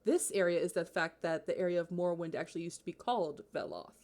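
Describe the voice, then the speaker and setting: A woman's voice: fairly low pitch, fast, a little mellow. A woman hosting a casual podcast chat, playful and teasing. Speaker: podcast host.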